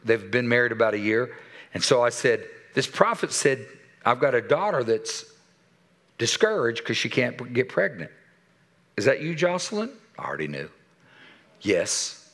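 A man in his sixties preaching a sermon in a church, telling a story with animated quoted dialogue and dropping to a soft voice for serious points. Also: mid-range voice, normal speed, long pauses. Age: 60s. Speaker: pastor. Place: church sanctuary.

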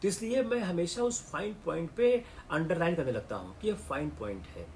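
A middle-aged man with an Indian accent, lecturing a class of exam candidates and switching into slow, careful English. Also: on the high side, animated, gravelly, darkish tone, a little hiss or hum. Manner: mixes English into the talk, slow and deliberate in English. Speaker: civil services exam lecturer.

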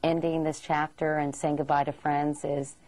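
A woman's voice: deep voice, flat delivery, normal speed, a little mellow, a little hiss or hum. A woman interviewing an actor for TV, teasing and playful. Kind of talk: casual interview.

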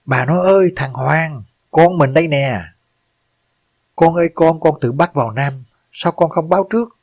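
A man voicing an older father who cries out in grief over his son, his voice climbing high and wailing. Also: moderate pace, a little mellow. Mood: anguished.

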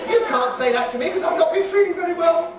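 A man playing a loud, cheeky pantomime dame, a village mother working the audience with broad comic patter. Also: very high-pitched, fast talker, over a noisy crowd. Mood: comic, mock-aggrieved. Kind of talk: live pantomime stage comedy. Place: large theatre stage, filmed from the auditorium. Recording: echoey theatre from far off, audience noise.

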